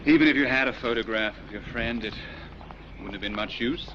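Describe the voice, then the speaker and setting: A man's voice: medium pitch, fairly quick, lightly acted. An actor playing a skeptical, exasperated male companion with a sarcastic edge. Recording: muffled old film soundtrack with hiss.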